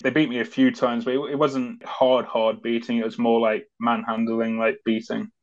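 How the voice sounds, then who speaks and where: A man's voice: mid-range voice, level tone, normal speed. A man, a former soldier, recounting events as an interview guest in a loose, conversational way with many fillers. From Britain. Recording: dull lo-fi audio.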